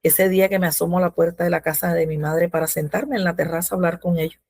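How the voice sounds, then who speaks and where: A woman's voice: fairly low pitch, fairly even intonation, fast talker, darkish tone, no room sound. A woman giving a religious testimony in a devotional, telling her story with fervor and acting out the prayers she quotes. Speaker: devotional speaker.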